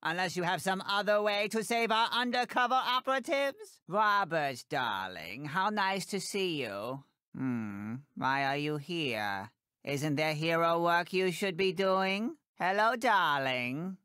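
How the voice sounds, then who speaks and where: A performer voices a tiny, imperious older woman fashion designer who gives out missions in a video game, theatrical and bossy, calling everyone darling. The voice is mid-range and sharp, with studio-quality sound and no echo.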